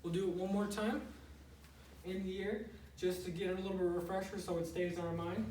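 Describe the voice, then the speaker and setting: A man with a fairly high voice teaches martial arts in a casual, explanatory way, step by step. He is picked up from a distance in a roomy space with some noise. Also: little pitch movement, brisk, darkish tone. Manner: plain-spoken, explanatory, frequently checking with "okay". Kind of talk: casual step-by-step instructional demonstration. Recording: roomy, noisy, distant microphone.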